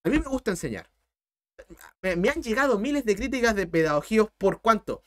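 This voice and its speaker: A man's voice: high-pitched, expressive. A young man in his twenties with a Chilean accent, a math tutor talking bluntly and passionately to his livestream chat. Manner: blunt, impassioned, talks fast.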